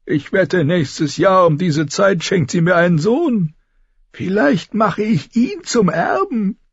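A cackling, gravelly old lord, high and shrill with a wildly swooping pitch. He sneers and taunts in every phrase, spiteful and boastful. The storybook read sounds dry and a little dull. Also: lively intonation, slow pace, no echo, exaggerated voice. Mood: mocking. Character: scheming ancient male lord, spiteful and mocking. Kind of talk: audiobook character voice.

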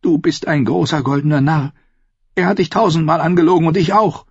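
A man's voice: fairly high pitch, normal speed, gravelly, darkish tone, husky, dry recording, voice pushed up. A man voicing a proud, desperate adult queen in a raised voice, pleading and scornful by turns, in an audiobook reading. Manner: pleading, then scornful and biting. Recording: dull lo-fi, dry.

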